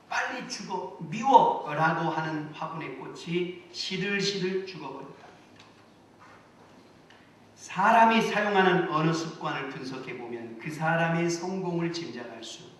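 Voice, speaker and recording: A man preaches with earnest conviction, building to emphatic calls to his congregation. His voice sits a little high for a man. The recording is distant and bathed in heavy church reverb, with faint noise underneath. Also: a bit bright. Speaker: senior pastor. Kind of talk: sermon. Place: church sanctuary. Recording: echoey church hall, mic at a distance.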